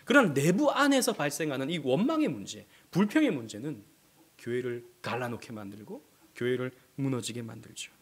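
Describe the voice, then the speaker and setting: A male pastor preaching a sermon with passion, asking the congregation rhetorical questions and swinging between loud outbursts and hushed asides. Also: medium pitch, big pitch swings, a little fast, breathy edge.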